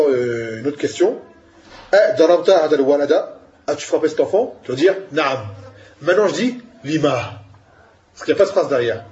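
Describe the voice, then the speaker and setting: A man's voice: a little high, a little mellow, lo-fi sound. A man giving an Arabic grammar lesson, explaining patiently and asking his students questions. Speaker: Arabic teacher.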